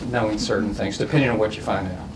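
A middle-aged man moderating a group discussion, asking quick, playful, probing questions in a school library. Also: fairly low pitch, steady tone, crowd noise. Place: large school library, indoors. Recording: distant mic with faint room noise.

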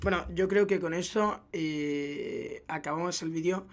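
A young man from Spain commenting on gameplay clips casually, joking, laughing and breaking into loud excited outbursts. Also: a little high, measured pace, heavy background noise. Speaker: gaming video host.

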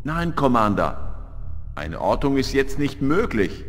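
Dutiful male base officer, formal game reports, mid pitch, long reverb, music behind. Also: very animated, slow, slight background noise. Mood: matter-of-fact. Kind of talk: video game cutscene acting. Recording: echoing hall, music behind.

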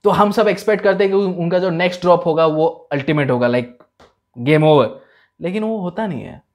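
A young man hosting a music reaction, talking casually and excitedly, dropping "man" and "bro" and switching between English and Hindi. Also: a little high, fairly quick.

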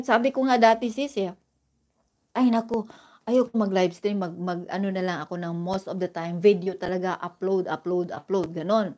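A woman's voice: on the high side, darkish tone. Chatty Filipino woman live-streaming. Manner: chatty, greeting viewers by name, mixing English into Filipino; encouraging, sisterly advice. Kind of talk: casual live-stream chat.

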